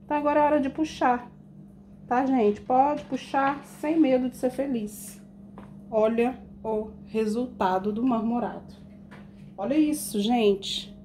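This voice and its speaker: An unhurried woman with a warm, slightly high voice and fairly even intonation is heard over slight background noise. She decorates a cake at home in a casual baking tutorial, chattily explaining each step and calling her viewers "gente."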